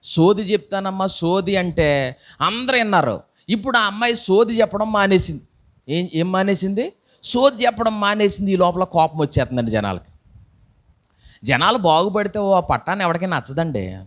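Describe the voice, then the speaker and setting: Pastor, man, fairly high voice, animated preacher acting out voices, mic. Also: normal speed. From India. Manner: lively preaching with acted-out voices and rhetorical questions. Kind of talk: sermon. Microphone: microphone.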